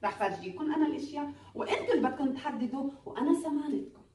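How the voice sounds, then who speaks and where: A woman with a Levantine Arabic accent teaching a recorded lesson to young pupils, drawing out letter sounds slowly and praising the class. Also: high-pitched, animated, a little mellow, recorded from a distance, slight background noise. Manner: slow, drawn-out enunciation of letter sounds. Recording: echoey room, voice off-mic.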